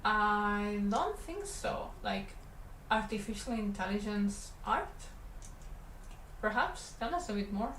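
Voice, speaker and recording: Speaking slowly in a mid-range voice, a Catalan-accented woman from Catalonia, Spain, whose first language is Catalan, livestreams herself animating. She talks to chat in a relaxed, rambling manner while she draws. The recording in her animation studio room is roomy and carries a faint background hum.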